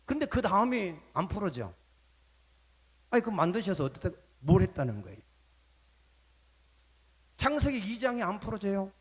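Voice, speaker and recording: A man, a pastor, preaching a sermon, asking his congregation questions and calling for amens, with sudden drops to a low murmur at phrase ends. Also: big pitch swings, moderate pace, long pauses, husky. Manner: dramatic swings in loudness, dropping low at phrase ends.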